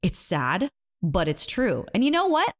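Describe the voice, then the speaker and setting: A woman's voice: medium pitch, huge pitch swings, a little slow. A woman in her thirties, a singing coach, giving an earnest, emphatic motivational talk with personal stories.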